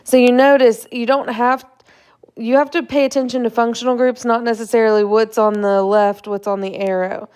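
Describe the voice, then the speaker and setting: Recorded over slides, a young chemistry instructor gives an informal lecture, yawning a bit and peppering it with fillers and "right?" checks. She speaks at a moderate pace in a slightly high voice that barely moves in pitch, with a clean, somewhat dark tone.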